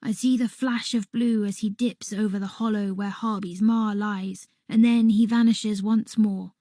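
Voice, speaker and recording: A woman reading a first-person children's story aloud in a soft, unhurried voice that sometimes drops to a whisper. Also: medium pitch, steady tone, no room sound, studio quality. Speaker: audiobook reader.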